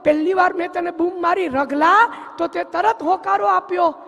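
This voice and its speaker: A man's voice: extremely high pitch, normal speed, a bit bright, big-room sound, voice pushed up. A man voicing an old village elder who drinks at night and questions his servant. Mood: scolding.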